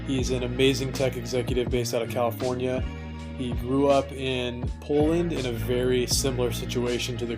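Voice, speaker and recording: Male podcast host, upbeat and jokey, middle pitch, music bed behind. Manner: upbeat, joking. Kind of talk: podcast intro and casual interview.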